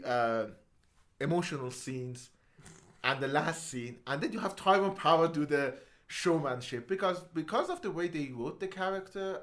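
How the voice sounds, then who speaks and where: A man's voice: a little high, fairly bright tone. A man co-hosting a film podcast, talking casually and animatedly, with frequent laughs and swearing. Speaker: podcast co-host.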